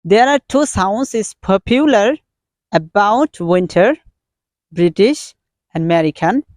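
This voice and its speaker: A man's voice: sits high, lively intonation, takes it slowly, a little mellow, no echo, clean studio sound. A man from Bangladesh with a Bangladeshi accent, a Bengali speaker teaching English pronunciation in a casual lesson, repeating each word several times.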